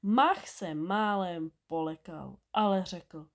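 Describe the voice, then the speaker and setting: A woman reading a bedtime story aloud, expressive and animated. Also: fairly low pitch.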